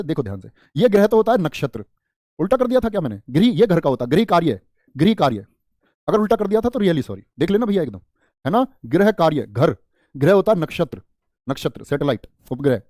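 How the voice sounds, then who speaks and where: Male teacher, playful and colloquial, slightly higher voice, dark tone, dry sound. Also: no room sound. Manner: colloquial, playful, addresses viewers as "mera lal" and "bhaiya". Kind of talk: live online Hindi spelling class.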